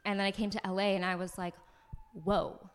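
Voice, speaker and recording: A young American actress guests on a casual podcast while sitting on the floor of an apartment on moving day. Her mid-range, smooth voice runs a little fast, and she speaks animatedly in bursts, laughing often and saying "like" a lot.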